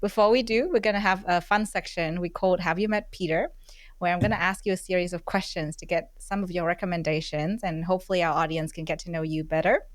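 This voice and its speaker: A woman's voice: lowish voice, steady tone, fast talker, no room sound. A woman hosting a podcast interview over a remote recording, friendly and chatty with frequent fillers. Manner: friendly, many fillers, laughs often. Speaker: podcast host. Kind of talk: casual interview chat. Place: recorded virtually, remote call.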